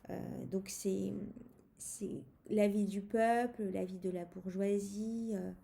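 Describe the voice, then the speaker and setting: Gravelly-voiced woman reviewing a tarot deck. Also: medium pitch, fairly even intonation, slow pace, warm tone. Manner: hesitant, many fillers and restarts; speaks directly to the viewer. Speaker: tarot reader presenting a deck. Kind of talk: casual spoken deck review.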